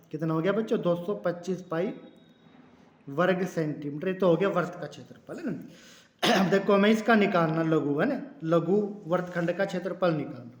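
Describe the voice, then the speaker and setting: A high-voiced man leads a step-by-step math lesson in an echoey room, referring to his students as "children." Key words get repeated, and every so often he clears his throat.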